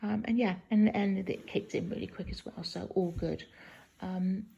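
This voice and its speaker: A woman talking casually in a halting video diary from a hospital room, sounding weak and tired and in some pain hours after surgery. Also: mid-range voice, steady tone, warm tone, lo-fi sound. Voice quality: husky, creaky. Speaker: patient recording a post-op video diary.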